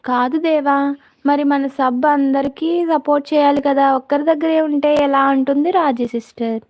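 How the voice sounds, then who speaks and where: A woman's voice: high-pitched, fairly even intonation, normal speed, a little mellow. A woman hosting a casual live stream, chatting with viewers and answering their comments by name.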